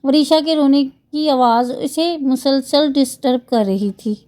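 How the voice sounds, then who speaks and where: High-voiced woman reading a novel. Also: mellow. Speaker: novel narrator. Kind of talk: reading a romance novel aloud.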